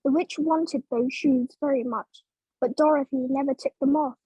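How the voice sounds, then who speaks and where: High-voiced woman reading a storybook. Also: steady tone, mellow, no room sound, highs cut off. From Vietnam. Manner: slow, clear, simple storytelling. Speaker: narrator. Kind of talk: storybook read-aloud for English learners.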